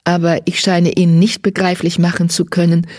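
A reader voicing a caring, cautious mother she-cat who speaks gently. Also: medium pitch, monotone, moderate pace, no echo, studio quality, lightly acted. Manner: gentle and worried.

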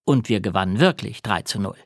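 A man reading a first-person children's story aloud, telling it with animation. His pitch rises and falls a great deal, and the recording is dry and close with no room echo. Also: animated, brisk. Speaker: audiobook narrator. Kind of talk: scripted first-person narration.

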